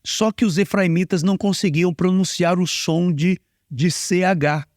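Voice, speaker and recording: A man's voice: high voice, steady tone, unhurried, darkish tone, no echo, clean studio sound. A man with a Brazilian Portuguese accent, a pastor preaching in a conversational way, telling a story and asking rhetorical questions. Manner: storytelling, explains with everyday examples and rhetorical questions. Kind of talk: conversational sermon.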